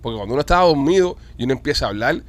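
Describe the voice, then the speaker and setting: A man talks quickly in a relaxed group chat. He jokes and teases the people around him. He sits at a middle pitch. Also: no room sound. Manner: joking, fast-talking, teasing. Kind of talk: casual chat.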